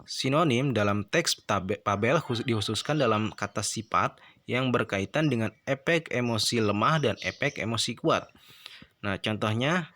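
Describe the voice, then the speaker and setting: A male teacher giving a recorded lesson, explaining step by step and often checking in with a quick "ya". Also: medium pitch, fairly bright tone.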